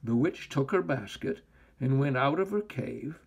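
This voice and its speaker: Reading aloud to children, an older man takes on a theatrical storyteller manner. His voice is husky and unhurried, deliberate, and swings widely in pitch for expression.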